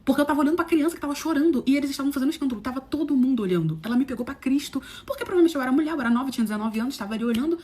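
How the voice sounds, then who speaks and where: Brief: carioca woman in her twenties, storytime monologue, rapid-fire and dramatic, slightly high voice. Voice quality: expressive, dramatic storytelling with big swings in pitch.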